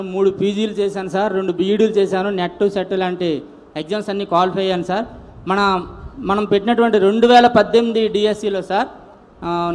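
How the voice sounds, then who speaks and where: A man speaks respectfully in a formal tone, and his voice is high and flat. He often calls the listener sir. The sound trails off with long reverb, as if across an open space. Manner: deferential, keeps addressing the listener as sir. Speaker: school principal. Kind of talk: formal speech at a public meeting.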